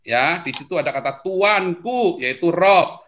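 A man's voice: high-pitched, lively intonation, measured pace, fairly bright tone. A man in a heated debate, pressing persistent questions politely.

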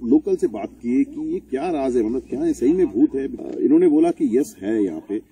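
A man's voice: mid-range voice, animated, fairly quick, dark tone. A middle-aged man narrating his road trip vlog in a chatty way, asking his companions questions. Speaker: travel vlogger. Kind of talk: casual travel vlog narration.

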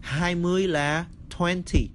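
A man teaching English number words in a casual spoken lesson, slowly repeating each word and checking that the viewers follow. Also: high-pitched, steady tone, slight background noise. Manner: slow, repeats words, addresses viewers as friends.

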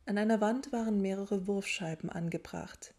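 A woman narrating a story in a steady storytelling way. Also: medium pitch, moderate pace. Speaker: audiobook narrator. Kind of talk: scripted narration of a fan story.

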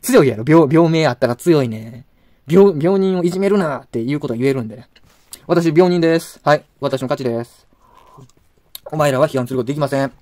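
Ranting fast-talking Kansai man. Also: a little high, expressive, mellow, no echo, clean studio sound. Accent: Kansai Japanese. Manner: ranting, insulting, rambling with frequent restarts. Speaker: video blogger. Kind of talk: angry rant to camera.

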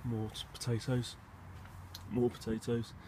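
Walking his allotment and polytunnel, an Englishman speaks at a measured pace in a monotone, giving a casual, slightly hesitant video tour as he thinks aloud. The outdoor handheld recording is noisy with wind and a low rumble.

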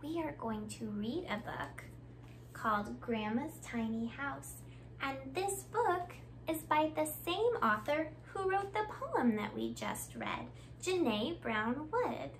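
A library storytime host in her thirties reads a picture book aloud for young children, sitting a few feet from the camera in a small living room by a window. She speaks expressively in a high, very animated voice at a slow pace, with a little hiss or hum audible.

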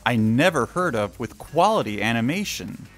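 Male anime reviewer, mid-pitched voice. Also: very animated, normal speed. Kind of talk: scripted review narration. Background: faint music.

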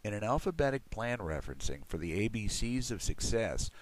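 A middle-aged man reading a scripted promotional voice-over for his pool building firm in a measured, persuasive way. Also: on the low side, big pitch swings. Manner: measured, persuasive salesman delivery.

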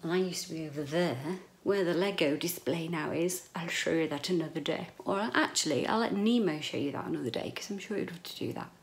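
A middle-aged British woman chats to her viewers in a slightly low voice. She rambles playfully and casually, with some mild swearing. The sound is echoey, recorded on a handheld camera in a room at home. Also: fairly quick, hardly any pauses. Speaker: vlogger. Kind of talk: casual chatty vlog to camera. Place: small echoey bedroom at home, indoors. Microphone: handheld camera at arm's length.

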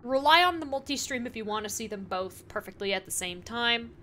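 A woman's voice: a little high, lively intonation, a little fast, sharp tone, a little hiss or hum. A woman streaming a video game from a room at home, chatting casually and laughing easily. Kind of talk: casual gaming stream chat. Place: home room with open window.

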